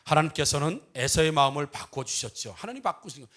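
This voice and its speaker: A man's voice: fairly high pitch, expressive, fast talker, fairly bright tone. A male pastor giving a humorous sermon, telling a Bible story with comic asides and acting out its dialogue. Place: church.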